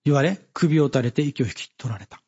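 A man giving a Bible study sermon, measured and halting with many fillers, reading scripture passages aloud. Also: mid-range voice, lively intonation, dark tone, breathy edge, dull audio. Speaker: preacher.

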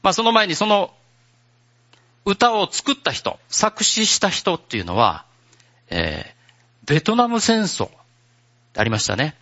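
A man preaching a sermon as pastor, in a gentle, conversational way. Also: high voice, sing-song, a little slow, pauses often, lo-fi sound.

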